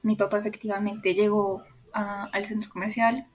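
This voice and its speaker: A woman's voice: mid-range voice, flat delivery, moderate pace. A young woman with a Bogotá-area Colombian accent, hosting a podcast and telling a personal story in a candid, emotional way, with many fillers. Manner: emotional, candid, full of fillers like "como" and "o sea". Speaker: podcast host.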